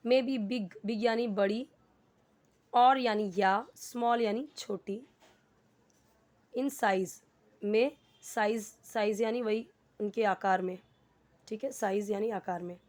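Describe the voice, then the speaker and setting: A woman's voice: mid-range voice, fairly even intonation, slow pace, long pauses, darkish tone. A woman teaching English, patiently asking and answering her own questions. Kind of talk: explaining a lesson.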